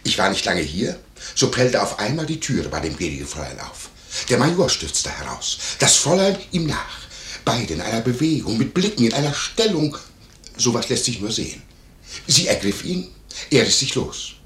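An actor playing a fawning, gossipy innkeeper in a 1950s German radio play, talking in an eager, wheedling way. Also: male voice, mid-range voice, very animated, normal speed, fairly bright tone. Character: fawning, nosy male innkeeper, middle-aged. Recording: roomy, faintly noisy 1951 radio recording.

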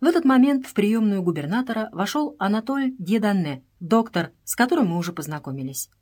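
A woman narrating an audiobook in a steady storytelling manner. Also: medium pitch, fairly quick.

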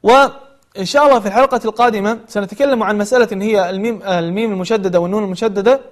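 A man with a fairly high voice teaches recitation in a gentle, patient way. He explains each rule step by step and circles back to repeat the examples. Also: very fast. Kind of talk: online recitation lesson.

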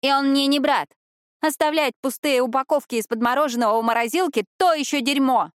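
A bratty teenage girl yelling and scolding in a high, loud voice, as a woman reader puts her on. She sounds fierce and bossy. The dry, close audiobook recording has no room sound. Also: brisk, no room sound, close to an everyday voice. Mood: angry scolding. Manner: shouting, scolding.

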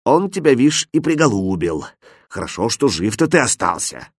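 A man's voice: medium pitch, big pitch swings, moderate pace, husky, no room sound, studio quality. A man doing a wise, wry old villager.

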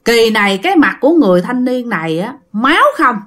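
A Southern Vietnamese woman tells a ghost story in a chatty, direct way, turning to her listeners often. Her voice sits fairly high and moves with a lively, animated pitch. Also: a little fast.

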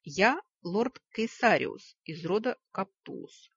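A woman's voice: medium pitch, expressive, takes it slowly, husky, full character voice. A woman voicing a talking wolf, a pompous and wordy male lord under a curse, in a storybook reading. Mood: courteous. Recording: dull lo-fi recording.

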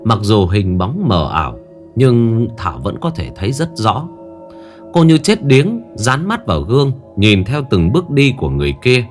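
A man narrates a ghost story with lively, suspenseful rises and falls. Faint music plays underneath. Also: on the low side, normal speed. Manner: dramatic, suspenseful.

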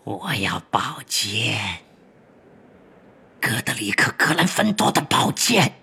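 A man voicing a proud, bitter goblin with a gravelly, husky voice, slow and cold, flaring into shouts. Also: medium pitch, sing-song, exaggerated voice. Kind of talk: audiobook character voice.

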